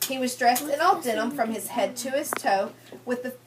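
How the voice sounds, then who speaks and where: Against a noisy background, a woman teacher leads an interactive picture-book reading for young children. Speaking at a moderate pace in a voice on the high side, she asks questions, explains, and frequently repeats their replies back to them.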